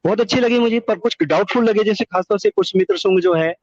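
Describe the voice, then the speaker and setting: The caller, a middle-aged man, gives personal testimony about his life in a phone conversation, earnest and wordy, repeating words to emphasize them. His voice is high-pitched and a little mellow, moving at a quick pace. The recording is dry, and the call audio is dull and lo-fi.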